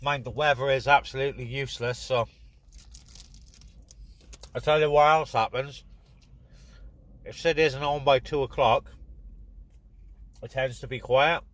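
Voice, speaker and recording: Setting up radio equipment next to a vehicle on a windy hilltop, a British-accented CB hobbyist vlogger offers casual running commentary. He speaks in a steady, mid-range, fairly bright voice, unhurried and pausing often, while wind and radio noise fill the noisy handheld recording.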